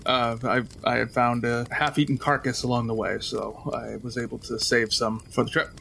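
A man playing a polite, earnest wandering journalist adventurer in a tabletop game, speaking in measured, formal, hesitant phrases. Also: mid-range voice, level tone, gravelly, bright, forceful tone, slight background noise. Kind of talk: tabletop role-play in character.

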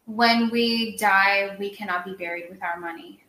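A woman's voice: medium pitch, fairly even intonation, moderate pace, bright, forceful tone. A young woman, a guest on a casual chat, explaining her views at length with plenty of fillers. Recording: echoey room.

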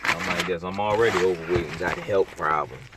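A man's voice: sits low, a little fast, very noisy. A man hosting a solo podcast, rambling in a casual, sarcastic, blunt way full of slang. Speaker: podcast host.

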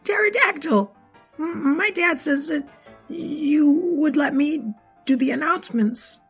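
Excitable, high-pitched young boy dinosaur. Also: a little slow, soft background music, heavily acted. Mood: eager, pleading. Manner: excitable, pleading, sing-song. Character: eager, dreamy young boy dinosaur who wants to rhyme.

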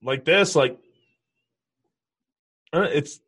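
A man's voice: on the high side, extremely slow, fairly bright tone, husky. A man casually chatting through a movie commentary, cracking jokes and laughing often. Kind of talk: casual movie watch-along chat.

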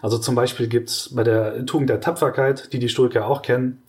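German man explaining with lively examples. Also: medium pitch, a little fast. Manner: explains patiently with hesitant restarts and lively examples. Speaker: podcast co-host. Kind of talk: casual explanatory discussion.

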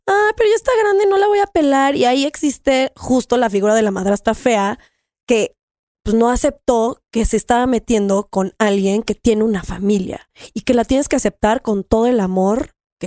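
A woman's voice: fairly high pitch, a little mellow, no echo, studio quality. Mexican woman host, hesitant and supportive. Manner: supportive, hesitant, with many fillers. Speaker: podcast host. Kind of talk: casual podcast chat.

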